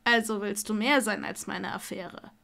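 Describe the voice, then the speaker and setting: A woman voicing an arrogant young wizard man in an audiobook, with a hushed, drawling manner. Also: medium pitch, fairly even intonation, moderate pace, vocal fry. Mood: smug. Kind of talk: audiobook character voice.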